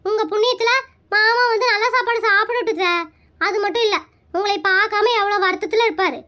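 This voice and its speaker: A woman's voice: extremely high pitch, brisk, pushed and bright. A woman voicing a cheeky young daughter-in-law in a cartoon skit, teasing and sarcastic.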